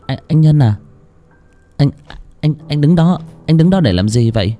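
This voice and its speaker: A man's voice: a little high, lively intonation, normal speed, mellow, soft background music, voice pushed up, natural voice. A man voicing a frightened young woman who stammers anxiously in an audiobook. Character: frightened young woman calling her lover.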